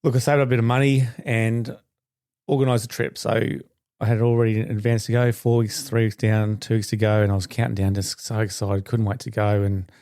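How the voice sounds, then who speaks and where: Middle-aged male podcast host: low, gravelly, mellow voice, rambling storyteller, dry close recording. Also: dry recording. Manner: rambling, chatty, often restarts mid-sentence. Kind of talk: casual storytelling monologue.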